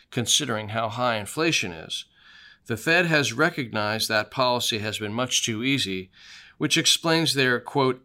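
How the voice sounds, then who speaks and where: A man's voice: mid-range voice, bright, forceful tone. A man hosting a podcast, reading scripted remarks. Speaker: podcast host.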